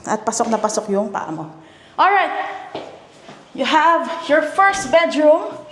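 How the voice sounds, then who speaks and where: A woman's voice: high voice, big pitch swings, slow pace, a bit bright, slight background noise. A woman with a Filipino accent hosting a house tour, chatty and enthusiastic, exclaiming often as she walks through rooms. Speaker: property tour host.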